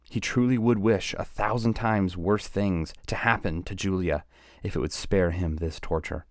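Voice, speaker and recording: A man's voice: sits low, fairly even intonation, normal speed, no room sound, clean studio sound. A man hosting a book channel, retelling a novel's plot with grave, dramatic storytelling emphasis.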